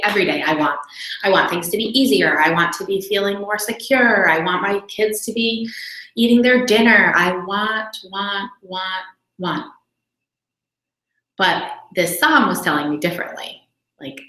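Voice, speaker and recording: A woman's voice: fairly low pitch, bright, forceful tone. Candid, chatty woman in an echoey room. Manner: candid, chatty, self-deprecating with many fillers. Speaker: faith video host. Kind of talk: casual personal reflection. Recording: roomy echo.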